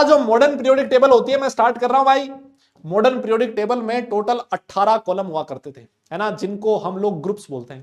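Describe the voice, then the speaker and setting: Loud high-voiced male chemistry teacher. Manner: loud, talks to students, voices their questions back. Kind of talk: live online class lecture. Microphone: desk mic with level meter.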